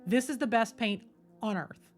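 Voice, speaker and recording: A woman's voice: fairly high pitch, normal speed, faint music behind. A woman chatting casually to her live-stream viewers from a desk at home, talking straight to them. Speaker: livestreamer. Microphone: desk microphone.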